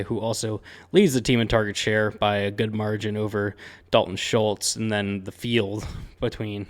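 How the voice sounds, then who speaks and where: A man hosting a sports betting picks show, talking casually and upbeat, with slangy sports talk and lots of "um" and "uh" fillers. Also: on the low side. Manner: chatty and upbeat, with frequent "um" and "uh" fillers.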